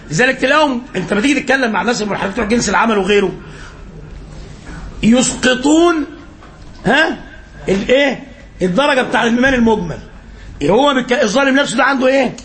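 A man's voice: extremely high pitch, animated, racing, pauses often, fairly bright tone. A man with an Egyptian accent teaching an Islamic lesson as a sheikh, quizzing his listeners and repeating phrases for emphasis. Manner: quizzing listeners and filling in answers.

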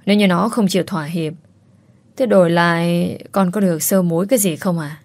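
A woman's voice: lowish voice, fairly quick, a little mellow, close to an everyday voice. Woman doing a whimpering male servant. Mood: pleading. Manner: pleading, whimpering. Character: frightened whining male servant.

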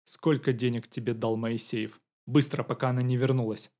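A man reading an audiobook, voicing a calm male investigator who questions in short, commanding phrases. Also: medium pitch, normal speed, natural voice. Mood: pressing. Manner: curt, commanding. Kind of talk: audiobook character voice.

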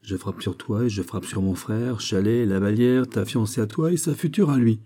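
A man's voice: lowish voice, normal speed, warm tone, lightly acted. A man voicing a vain, jovial young prince who teases his courtier in a lordly way, in an audiobook of a classic novel. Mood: teasing jovial. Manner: teasing, laughing, lordly.

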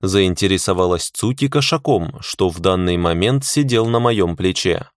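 A man's voice: low-pitched, lively intonation, moderate pace, no echo, clean studio sound. A man narrating an audiobook in the first person, wry and matter-of-fact.

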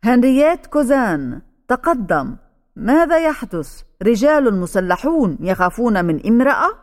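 A woman's voice: mid-range voice, big pitch swings, moderate pace, long reverb tail. A woman voicing a stern male commander giving curt orders to his soldiers in an audiobook. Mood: commanding.

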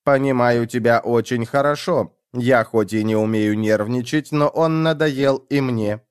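A man doing a slow, calm robot. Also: medium pitch, clean tone, close to an everyday voice. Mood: dry. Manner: slow, flat, detached. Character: calm robot companion, unemotional and measured. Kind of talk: audiobook character voice.

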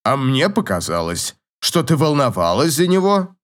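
A man voicing a gruff, teasing old professor in an audiobook, grumbling and chuckling in a slow drawl. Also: mid-range voice, very animated, lightly acted. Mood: wry. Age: older.

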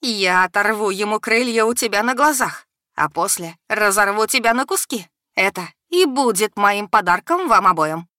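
A woman's voice: mid-range voice, animated, measured pace, few pauses, bright, forceful tone, no echo, studio quality, voice pushed up. Proud hissing goddess in a rage, as a woman reads her. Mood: hissing fury. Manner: hissing, furious. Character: proud vengeful goddess, creator of a dragon.

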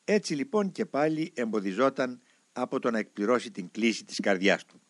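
A man reading a biography aloud as scripted narration, in a measured and expressive way. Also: medium pitch, no echo.

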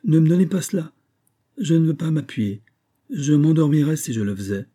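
A man's voice: medium pitch, moderate pace, dark tone, husky, close to an everyday voice. A man voicing a proud, restless young society woman who speaks with impatient, imperious vehemence in an audiobook reading. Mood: feverish insistence.

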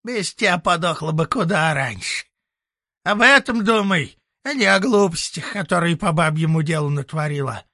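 Man doing a scornful old hermit, high-pitched, bright, barks his lines. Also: lively intonation, moderate pace, dry recording, clean studio sound, exaggerated voice. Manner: gruff, mocking, barking. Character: spiteful, scornful old male hermit sorcerer. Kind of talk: audiobook character voicing.

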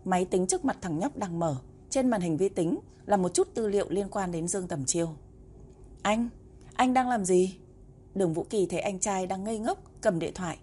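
Woman narrating a story in a mellow voice. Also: fairly low pitch, a little hiss or hum. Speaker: audiobook narrator.

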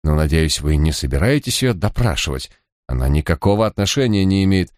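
A bitter, indignant suspect in an audiobook, as a male reader puts him on. His low voice thins into a peevish, resentful complaint. The sound is close and dry, with no room around it. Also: animated, brisk, darkish tone, no room sound. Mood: glum, guarded. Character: irritable indignant suspect, bitter middle-aged man. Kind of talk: audiobook character reading.

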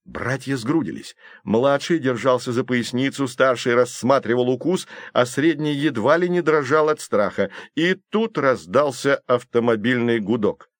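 A man's voice: medium pitch, normal speed, hardly any pauses, dry recording. Man reading a story, dry voice. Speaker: audiobook narrator. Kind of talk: scripted narration.

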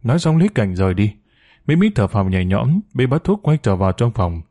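Dark-voiced male story narrator. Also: fairly low pitch, big pitch swings, fairly quick. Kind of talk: scripted audiobook narration.

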